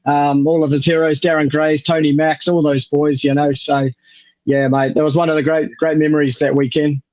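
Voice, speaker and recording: A man with a New Zealand accent shares casual anecdotes as a guest. His voice is on the high side. The sound is dull and lo-fi, like a call. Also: flat delivery, normal speed, darkish tone. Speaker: racing show guest.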